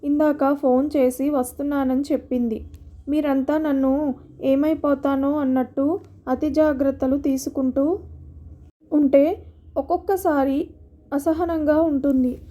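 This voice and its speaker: A woman reading as a gentle, troubled middle-aged wife in an audio story, her high voice soft and mellow. She speaks quietly, with a sorrowful, even delivery. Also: unhurried, pauses often. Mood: soft, sad.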